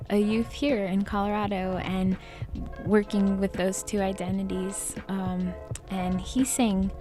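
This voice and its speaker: A woman commenting casually, with hesitant pauses and fillers. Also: mid-range voice, little pitch movement, warm tone, faint music behind.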